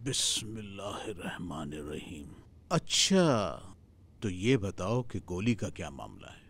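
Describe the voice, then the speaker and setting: एक अभिनेता एक समझदार, नरमी से डाँटने वाले बुज़ुर्ग का किरदार निभाता है।. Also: male voice, low voice, very animated, husky, exaggerated voice. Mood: calm. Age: older. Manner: measured, gently admonishing. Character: calm, wise older man, gently stern. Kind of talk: television drama acting.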